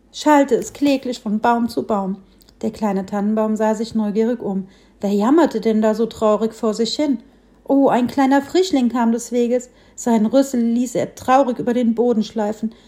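A woman narrating a children's story in a gentle, expressive way. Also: fairly high pitch.

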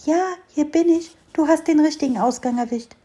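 A woman voicing a small, curious young fir tree in a storybook reading, eager and bright-voiced. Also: high voice, normal speed, pitched above the performer's own voice, lightly acted.

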